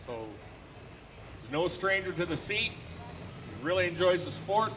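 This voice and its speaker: A man's voice: sits high, big pitch swings, unhurried, background noise. A man announcing a tractor pull in a folksy way, calling and repeating figures.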